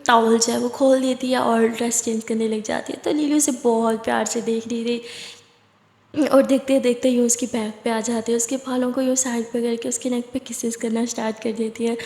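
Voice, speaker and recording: A woman's voice: fairly high pitch, level tone, moderate pace, a little mellow. A woman telling a love story in a chatty, conversational way, with fillers. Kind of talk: casual spoken storytelling. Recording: roomy echo with long reverb.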